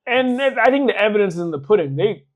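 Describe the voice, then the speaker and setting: A man chatting casually on a podcast, agreeable and quick to laugh. His voice sits a little higher than most men's. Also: big pitch swings. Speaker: podcast co-host. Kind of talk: casual chat.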